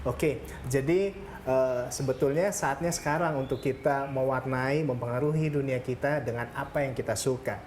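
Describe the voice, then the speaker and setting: A woman hosting a morning TV show, chatting with a guest and quickly encouraging her answers. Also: rumbling low. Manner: chatty, lively interviewer with quick encouraging backchannels. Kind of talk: TV studio interview. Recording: noisy TV studio.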